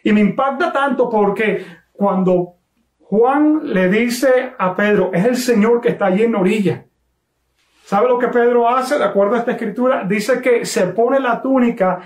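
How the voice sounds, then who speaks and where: A man preaching a sermon, telling a story with emphatic, slowly stressed phrases. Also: high-pitched, reverberant. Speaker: pastor.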